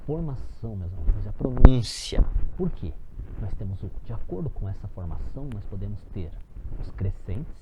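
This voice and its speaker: A man's voice: fairly low pitch, big pitch swings, brisk, highs cut off, noisy background. A man from Brazil teaching a recorded phonetics lesson, explaining step by step and calling his viewers friends as he stresses example words.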